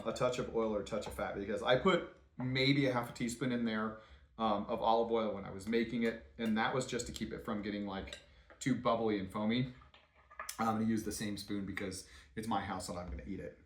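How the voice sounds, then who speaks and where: A man hosting a home cooking video, talking through his steps in a relaxed, rambling way with many ums and uhs in his home kitchen. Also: on the low side, normal speed, echoey room. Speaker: home cooking channel host. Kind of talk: casual cooking demonstration.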